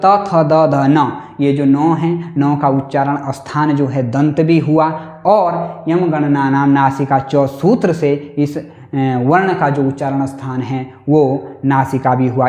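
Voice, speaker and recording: Slow, echoey Hindi-speaking male teacher. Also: medium pitch, a little mellow, dull audio. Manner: slow and repetitive, asks and answers own questions. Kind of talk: exam-prep lesson.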